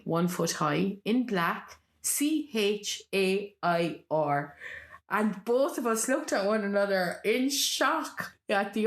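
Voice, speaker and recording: Lilting Irish woman storyteller, slightly low voice. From Ireland. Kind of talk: casual conversational storytelling.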